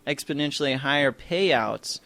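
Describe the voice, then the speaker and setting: A young man casting a video game tournament live, chatty and rambling, full of fillers and quick self-corrections. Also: on the high side, a bit bright, no echo. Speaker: esports tournament caster. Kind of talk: casual live game commentary.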